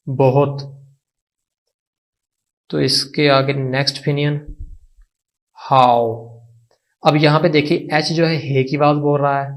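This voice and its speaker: Pakistani man, online tutor, slow unhurried delivery, patient, repeats each word for drill. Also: a little high. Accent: Pakistani Urdu. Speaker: language teacher. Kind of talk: online language lesson.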